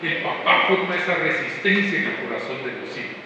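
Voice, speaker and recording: A middle-aged man with a Guatemalan accent giving an expressive talk to parents at a church retreat. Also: on the high side, brisk, crowd noise. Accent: Guatemalan Spanish. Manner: expressive, acts out quoted voices. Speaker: marriage counselor giving a talk. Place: large hall at a church retreat. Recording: distant mic, long hall reverb, dull and noisy.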